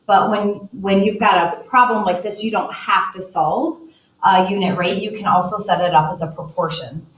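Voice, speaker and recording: A woman's voice: mid-range voice, steady tone, normal speed. A woman teacher talking through math problems step by step, working as she writes and uses a calculator. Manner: talks through steps while writing and using a calculator. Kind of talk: recorded math lesson. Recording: echoey room, voice a bit distant from the mic.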